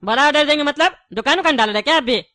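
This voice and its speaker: A woman's voice: sits high, lively intonation, raised voice, music in the background. A woman voicing a chatty, wary male candy shopkeeper in a cartoon. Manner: chatty, wary, quick to take offence. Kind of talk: cartoon voice acting.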